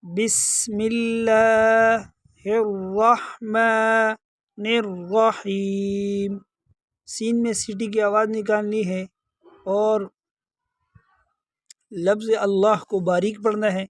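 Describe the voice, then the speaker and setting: A man with a high voice teaches recitation, explaining pronunciation patiently and repeating words slowly. The sound is dry and close, with no room echo. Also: darkish tone. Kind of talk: tajweed lesson, explaining then chanting verses slowly.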